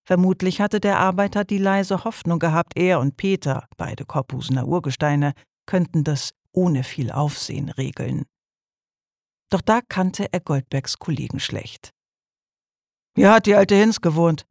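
A man reading a crime novel aloud as an audiobook narrator, in measured storytelling. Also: on the high side, gravelly, no echo, studio quality.

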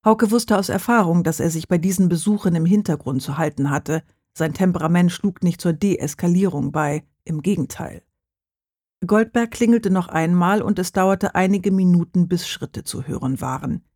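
An audiobook reader narrating a crime novel in a calm, steady way. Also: mid-range voice, normal speed, dry recording, clean studio sound.

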